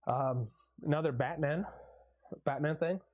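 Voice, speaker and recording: A man with a dark, mellow voice and a slightly husky edge talks movies in a loose, excited way. He swears freely, laughs a lot and acts out favorite lines. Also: a little high, measured pace. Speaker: podcast co-host. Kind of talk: casual movie review chat.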